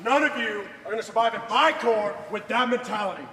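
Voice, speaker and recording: Man playing a high-pitched, barking corps officer. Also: brisk, bright, forceful tone. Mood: stern, commanding. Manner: barking orders. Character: stern, bullying male corps officer drilling freshmen. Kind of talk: stage musical acting. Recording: noisy echoing hall, distant stage.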